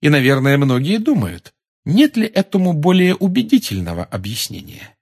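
Man doing a clever teen girl, calm, sarcastic, raised husky voice, audiobook. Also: on the high side, moderate pace, pitched above the performer's own voice, heavily acted. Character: clever, cool-headed teenage schoolgirl.

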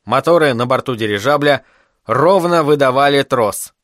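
A man's voice: mid-range voice, lively intonation, moderate pace, a bit bright, no echo, clean studio sound. Man narrating an audiobook. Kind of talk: scripted narration.

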